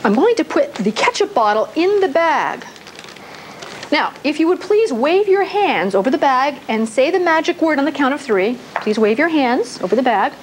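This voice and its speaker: A woman's voice: sits high, sing-song, moderate pace, slight background noise. A woman hosting a children's show in a television studio, with playful, exclamatory kids party magician patter. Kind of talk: hosting a kids' show with young audience participation.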